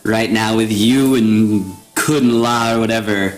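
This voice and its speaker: A man's voice: fairly low pitch, steady tone, measured pace, faint music behind, lightly acted. A man voicing a scheming old hag who mocks and threatens, with cackling laughs. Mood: mocking. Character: scheming old female hag, mocking and menacing.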